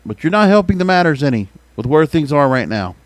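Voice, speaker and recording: A man's voice: a little high, very animated, fairly quick, no room sound. An American man hosting a podcast, giving emphatic, opinionated commentary and often putting rhetorical questions to the listener. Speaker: podcast host. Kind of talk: opinionated music radio commentary.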